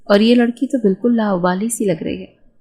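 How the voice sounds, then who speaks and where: A woman's voice: mid-range voice, steady tone, warm tone, lightly acted. A woman reading the part of a baffled, impatient young husband in a spoken novel, sounding exasperated.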